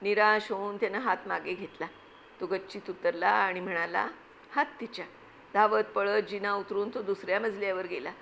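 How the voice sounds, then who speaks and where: Woman reading a story aloud, expressive. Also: medium pitch, moderate pace, gravelly, slight background noise, rough recording. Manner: expressive, lively narration. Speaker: reader.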